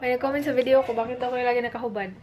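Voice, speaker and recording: A woman's voice: fairly high pitch, fairly even intonation, rapid-fire, darkish tone, slight background noise. A young Filipino woman with a Filipino accent, chatting casually in a home vlog and mixing English into her talk. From Philippines. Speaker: vlogger.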